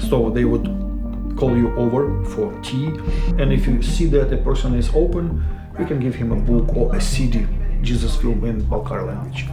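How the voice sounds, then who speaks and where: Man, 50s, reflective testimony; ordinary pitch, echoey room, music bed. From Ukraine. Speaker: missionary. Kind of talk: personal testimony interview. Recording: roomy echo with music underneath.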